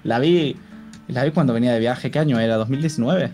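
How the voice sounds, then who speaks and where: A man's voice: medium pitch, brisk, dark tone, soft background music. Slangy rambling man in film chat. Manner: rambling, slangy, many restarts.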